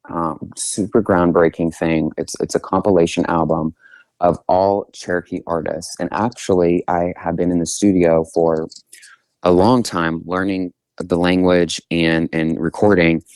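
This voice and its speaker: A singer-songwriter in his twenties from Oklahoma, United States, answers casually as a guest in a radio interview, speaking with an American accent. His low voice is steady, measured and a little mellow. The recording is dry.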